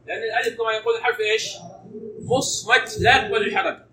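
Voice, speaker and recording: A man's voice: sits high, steady tone, bright, forceful tone. Male teacher drilling students with questions; distant mic, noisy echoing room. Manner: quizzing students with rapid questions. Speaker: Arabic grammar teacher. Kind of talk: classroom grammar lesson. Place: classroom. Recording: echoey room, distant mic, background noise.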